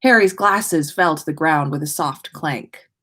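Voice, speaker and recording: On this livestream the host's voice is low and a bit bright, her pace unhurried. She chats loosely with her audience and brings listener stories to life when she reads them aloud.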